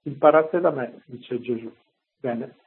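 A man preaches on the radio in an earnest, exhorting tone and asks rhetorical questions. He speaks slowly and his voice is husky. The sound is thin and tinny, like a phone line. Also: mid-range voice. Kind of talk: radio sermon.

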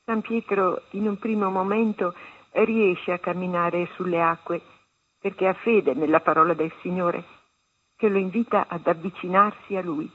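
A woman reading a meditation and a Gospel passage aloud on a religious radio program, in a measured, solemn way. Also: on the low side, fairly even intonation, breathy edge. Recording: tinny phone-line sound.

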